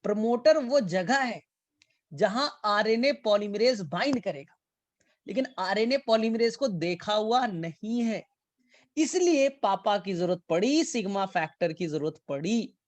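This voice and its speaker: Animated man teaching biology. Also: sits high, a little slow. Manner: playful, acts out a father and a crying child; mixes English terms into Hindi. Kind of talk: classroom lecture with analogies.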